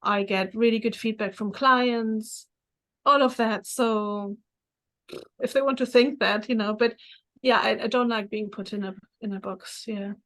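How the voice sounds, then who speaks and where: This interview guest is a middle-aged therapist with a higher voice, originally from Poland, now from Germany, whose native language is German. She shares personal stories in a casual, animated way at a measured pace, playing out remembered conversations. The audio quality is poor.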